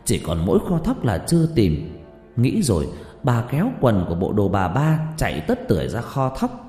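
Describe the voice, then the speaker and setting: A man narrating a ghost story in a dramatic, expressive storytelling manner. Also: mid-range voice. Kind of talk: scripted narration. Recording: roomy reverb with music.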